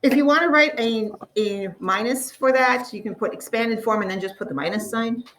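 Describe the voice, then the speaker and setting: A woman teaching a math lesson to a classroom, explaining step by step and slowly drawing out the numbers. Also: fairly high pitch, a bit bright, recorded from a distance, a little hiss or hum, low-quality recording.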